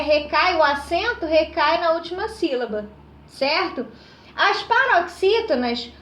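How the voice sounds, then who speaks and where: Woman teacher, high voice, patient and step-by-step, often checks "right?", roomy echo. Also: fairly bright tone. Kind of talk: recorded classroom lesson. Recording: echoey room.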